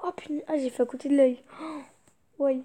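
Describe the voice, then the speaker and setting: A woman's voice: high voice, fairly even intonation, a little fast, dark tone, slight background noise. A young woman YouTuber reading jokes aloud, fighting back giggles and muttering reactions between them.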